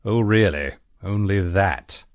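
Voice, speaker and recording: An actor playing a prim, long-suffering butler with formal, dry politeness in a game. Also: male voice, deep voice, takes it slowly, no echo. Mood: dry, polite.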